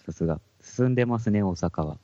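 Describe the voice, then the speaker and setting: A man with a Hakata accent chats casually on a podcast, his low voice swinging up and down in lively bursts. He jokes and laughs often. The recording is dry and dull, like cheap lo-fi gear. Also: fairly quick, dry recording. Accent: Hakata dialect. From Fukuoka. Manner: animated and joking, laughs often. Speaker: podcast co-host. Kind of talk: casual chat among musicians.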